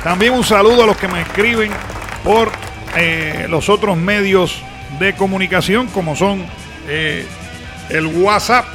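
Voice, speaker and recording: A man's voice: high voice, unhurried, over music, crowd noise. A man with a Caribbean Spanish accent hosting a radio show, chatting casually and directly with his listeners in an explanatory, conversational way. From Caribbean island. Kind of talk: casual live rock radio show chat, announcing and greeting listeners.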